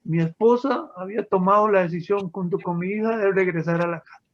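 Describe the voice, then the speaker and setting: A man tells his life story to a gathered audience. He speaks with feeling and often turns to his listeners as friends. His voice sits high, and the recording sounds dull and lo-fi. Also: brisk. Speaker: testimony speaker. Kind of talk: personal testimony to an audience.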